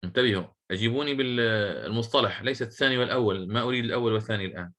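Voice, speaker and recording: A man teaching a class on Quranic recitation rules. He puts questions to his students, repeats key phrases slowly and chants short verses in a measured tone. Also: on the low side, a bit bright. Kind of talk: classroom lecture on tajweed.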